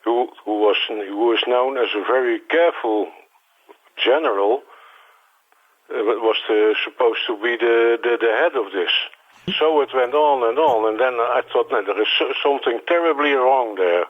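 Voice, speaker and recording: A Dutch man in his sixties, a native speaker with a Dutch accent, answers questions as a guest in a phone interview, halting, repeating words and often restarting. His voice sits at medium pitch, heard over a tinny telephone line.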